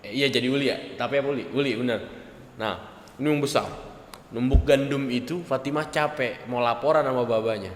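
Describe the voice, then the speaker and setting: A man, preaching a lively storytelling sermon in a mosque hall and acting out the people in his story. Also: mid-range voice, fairly quick, a little hiss or hum. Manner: animated storyteller, acts out voices, jokes with audience. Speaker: religious teacher.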